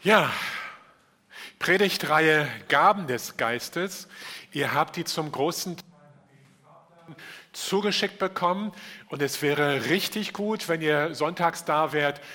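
A man's voice: fairly high pitch, slow pace, pauses often, pushed and bright. A middle-aged man preaching a sermon at a church service into a microphone, earnestly asking his listeners direct questions. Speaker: pastor. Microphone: handheld microphone.

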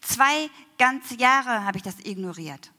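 A woman giving a personal faith testimony, emotional, often slowing down and dropping to near whispers. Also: on the high side, lively intonation, sharp tone. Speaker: church member giving testimony. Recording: long hall reverb.

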